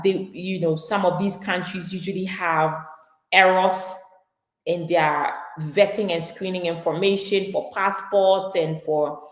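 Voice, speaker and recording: A woman's voice: on the low side, echoey room. A woman immigration attorney explaining legal updates on a live stream, talking it through with frequent fillers and restarts.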